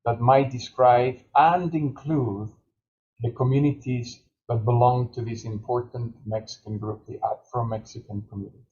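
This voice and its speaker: A man giving a measured academic panel talk, pausing with fillers. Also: medium pitch, fairly even intonation, mellow, dull audio, a little hiss or hum.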